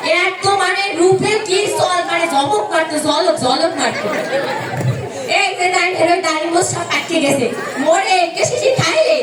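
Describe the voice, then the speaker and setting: In a very echoey hall, picked up from a distance, a boastful street hawker played by a young woman barks out a comic sales pitch. The voice is very high, with a Barisal Bangladeshi accent and repetitive, sing-song patter. A crowd can be heard around it. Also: moderate pace, background noise. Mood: teasing, boastful. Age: young adult. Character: brash, boastful roadside hawker of cure-all tonic. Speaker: student performer in a stage act. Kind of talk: loud carnival barker sales pitch, comic stage monologue.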